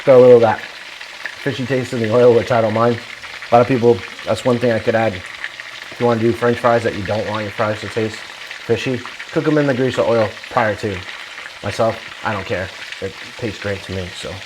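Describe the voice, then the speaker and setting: A man's voice: fairly low pitch, steady tone, moderate pace, noisy background. Folksy man chatting over sizzling frying. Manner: folksy, chatty, addresses viewers as guys. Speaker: cooking vlog host. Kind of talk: casual cooking vlog, talking while frying. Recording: clear frying sizzle, uneven mic level. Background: sizzling oil in a frying pan.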